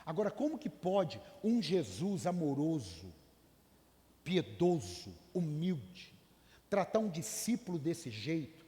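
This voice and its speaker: A man preaching a sermon in a Brazilian Portuguese accent, swinging between loud calls and hushed asides and urging the congregation to answer back. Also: a little high, very animated, takes it slowly. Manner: urges the congregation to respond aloud. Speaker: pastor. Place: church hall. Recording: long church hall reverb.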